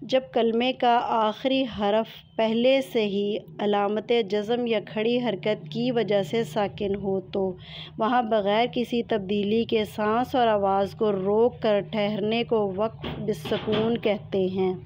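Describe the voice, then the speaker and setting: A woman's voice: medium pitch, fairly even intonation, takes it slowly, darkish tone, a little hiss or hum. A woman teaching Quran recitation, explaining each term patiently and methodically to her viewers.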